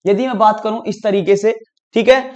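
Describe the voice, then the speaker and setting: A man with a fairly high voice explains exam reasoning questions to his students one step at a time, often checking that they are following. The recording sounds dull and lo-fi, with the highs cut off. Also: fairly even intonation, normal speed. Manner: talks students through each step, often says "dekhiyega" and "theek hai ji". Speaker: reasoning teacher. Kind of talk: exam prep lesson.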